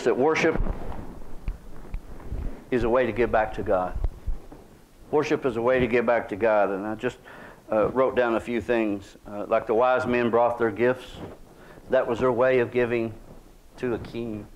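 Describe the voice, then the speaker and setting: Middle-aged preacher, mid-pitched, folksy and conversational, small sanctuary, faint background hiss. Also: male voice, steady tone, moderate pace, pauses often. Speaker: pastor. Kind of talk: sermon. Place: small church sanctuary, indoors.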